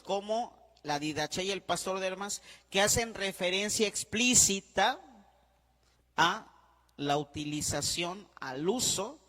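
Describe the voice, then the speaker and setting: In a large hall, a priest gives a classroom lecture in a high-pitched, pushed and bright voice. He repeats his points, spells words out letter by letter and keeps checking that the class is following.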